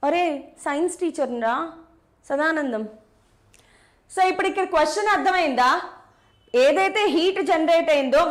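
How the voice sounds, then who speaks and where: A woman teaching a physics class live online, explaining step by step, repeating key points and answering chat comments. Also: high-pitched. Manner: brisk, repeats key steps, mixes English terms into Telugu.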